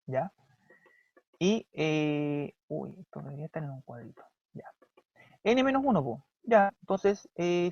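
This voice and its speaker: A man's voice: on the high side, darkish tone, dry recording. A man with a Chilean accent who teaches an online class, explaining step by step and often checking in with the students. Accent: Chilean Spanish. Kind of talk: recorded online class lecture. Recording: dry, dull lo-fi mic.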